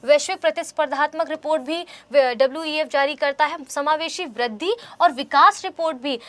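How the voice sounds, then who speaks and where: High-voiced woman teaching exam questions. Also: a little fast, fairly bright tone. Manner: conversational, asks questions and answers them, says "bhai" often. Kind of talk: explaining quiz answers.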